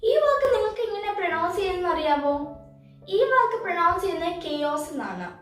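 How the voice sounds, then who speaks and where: A woman's voice: very high-pitched, very animated, fast talker, a bit bright. A woman giving a bilingual pronunciation tutorial as channel host. She quizzes the viewers and then gives the answer. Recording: very echoey room, far from mic, faint music.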